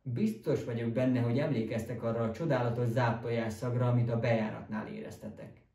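A man's voice: medium pitch, fairly even intonation, warm tone, natural voice. A man voicing a gleeful, eccentric male scientist who relishes lecturing a group of boys, in a theatrical way. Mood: eager, lecturing. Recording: roomy, distant mic.

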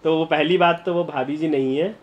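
A young man streaming a game live, chatting to viewers and breaking into excited shouts and laughter. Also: on the high side, fairly quick, highs cut off. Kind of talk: live gameplay commentary.

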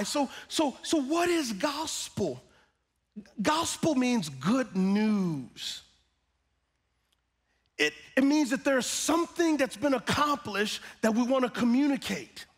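A middle-aged man preaching a sermon on a church stage, animated and calling out to his congregation. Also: extremely high pitch, breathy edge. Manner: animated, gesturing, calls out to the congregation. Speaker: pastor. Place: large church stage with band gear.

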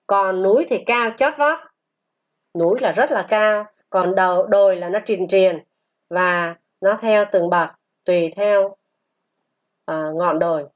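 A woman teaching a first-grade reading lesson, spelling out syllables slowly and repeating short rhymes for children. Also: medium pitch, highs cut off. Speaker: primary school teacher.

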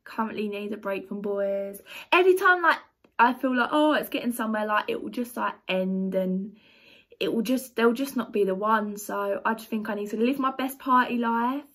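A young woman talks straight to camera in a casual vlog, reading out viewer comments and firing back. Her voice sits a little high, and her delivery is chatty, blunt and dryly sarcastic. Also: normal speed, a bit bright. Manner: reads comments aloud, then reacts. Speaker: YouTuber answering viewer comments.

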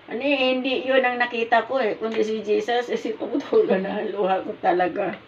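An older woman with a Filipino accent, telling a personal story in a rambling, halting way, often searching for words. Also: a little high, steady tone. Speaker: mother telling her story. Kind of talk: casual storytelling. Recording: muffled, distant, with background noise.

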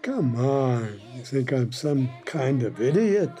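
A man playing an aggrieved elderly father in a comedy sketch, with a husky, halting, pleading delivery. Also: medium pitch, very animated, mellow. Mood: grateful, gullible. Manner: halting, pleading, dramatically wounded. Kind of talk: comedy sketch acting, mafia parody. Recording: music playing under the voice.

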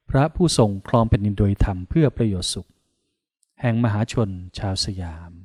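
A man from Thailand, a Buddhist monk, leading a guided meditation in slow, calm, soothing instructions with pauses. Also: on the low side, no room sound, studio quality.

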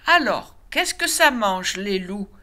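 A woman's voice: mid-range voice, big pitch swings, takes it slowly, sharp tone, full character voice. Distracted father wolf, lecturing and bossy, played by a woman reading a picture book. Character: busy distracted father wolf teaching cubs.

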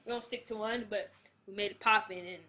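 A woman's voice: mid-range voice, steady tone, brisk, sharp tone. A young woman in casual banter, talking in a slangy, playful way. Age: young adult. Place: small curtained living room.

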